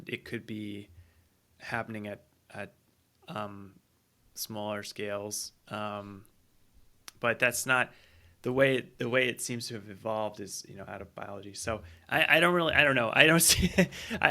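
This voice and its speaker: A man is a guest on a podcast. His voice is bright and forward, and he sits at a medium pitch. He thinks aloud hesitantly and fills his pauses with ums and restarts. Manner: thoughtful, hesitant, many ums. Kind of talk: casual interview conversation.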